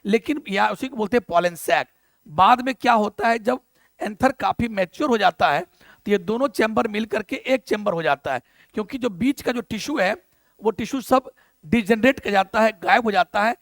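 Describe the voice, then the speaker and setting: A man's voice: high voice, normal speed, vocal fry, a bit bright, dry recording. A male biology teacher with a Bihari Hindi accent gives a lecture on a mind map, keeps asking questions and answering them himself, and mixes in English terms.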